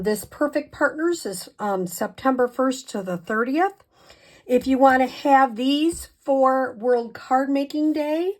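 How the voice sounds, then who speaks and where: A woman hosts a casual craft tutorial in a fairly high voice. She takes her time, explaining each step in a chatty, slightly hesitant way. Her speech carries a slight lisp, like someone fresh from dental work. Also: low-quality recording. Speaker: craft demonstrator and video host.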